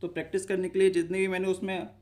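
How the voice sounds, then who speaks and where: A man's voice: sits high, monotone, racing, darkish tone. A man teaching a shorthand lesson, explaining each step by asking himself short questions and answering them, and often stopping to check that viewers follow.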